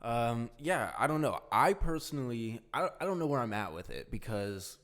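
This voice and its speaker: A man's voice: mid-range voice, lively intonation, normal speed, fairly bright tone. A young man co-hosting a podcast in casual chat, rambling with lots of fillers like "dude" and "you know what I mean". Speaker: podcast co-host.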